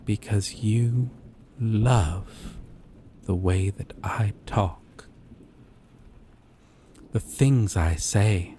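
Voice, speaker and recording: This intimate roleplay has a man speaking as a gentle, obsessively possessive dating-sim character, soft and breathy with lingering pauses. His fairly low voice comes with a little hiss or hum, and the mood is tender and smitten.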